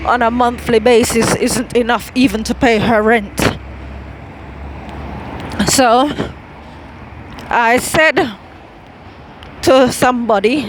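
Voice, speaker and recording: A woman vlogs into her phone while walking outdoors, slightly breathless. Her talk is slow and unhurried, full of fillers and restarts. Faint traffic hum sits behind her. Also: on the high side, rough recording. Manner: rambling, with many fillers and restarts. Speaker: vlogger. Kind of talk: casual chat while walking.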